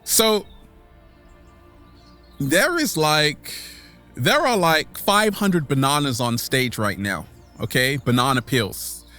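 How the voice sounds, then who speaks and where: With music running beneath him, this online host's voice is fairly high, animated, bright and forceful. He talks to camera in a theatrical motivational monologue full of catchphrases, exclamations, drawn-out words and abrupt swoops.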